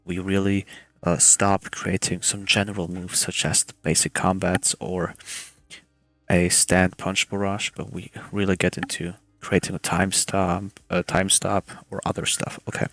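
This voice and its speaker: Hushed, low-voiced young man, quiet at night. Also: flat delivery, measured pace, no room sound, soft background music. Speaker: tutorial host. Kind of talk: casual screen-recorded game development tutorial.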